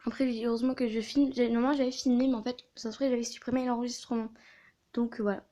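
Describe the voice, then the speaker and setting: A woman telling a story in a casual video, talking quietly and hesitantly with many fillers and restarts. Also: a little high, flat delivery, racing, highs cut off. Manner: soft-spoken, quiet. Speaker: video creator.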